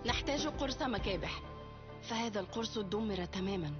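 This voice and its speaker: A woman's voice: mid-range voice, lively intonation, fairly quick, lightly acted. Woman playing a bold teenage girl, muffled under music. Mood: determined. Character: determined, resourceful teenage girl, bold schemer. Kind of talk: dubbed screen drama acting. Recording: dull audio under loud music.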